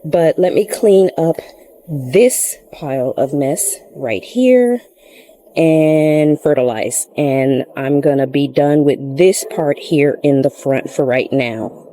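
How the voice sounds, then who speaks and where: A gardening vlogger talks casually outdoors in her garden, rambling with fillers and sounding out of breath, picked up by a camera set up nearby. Her voice is low and dark-toned, with lively intonation and a slow pace. The audio quality is poor.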